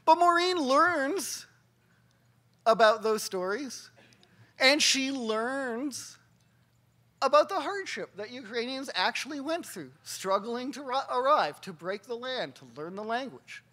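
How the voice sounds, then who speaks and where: A man giving a keynote talk at a conference gathering, telling a story earnestly and pausing for emphasis. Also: extremely high pitch, animated, sharp tone. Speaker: keynote speaker.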